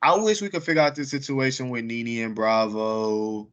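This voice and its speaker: A man's voice: medium pitch, fairly even intonation, normal speed, fairly bright tone. A man hosting a casual chat show, talking loosely and often checking in with his co-host. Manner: loose, chatty, often asks "you get what I'm saying?". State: hiccuping from wine. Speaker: podcast host. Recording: dull lo-fi audio.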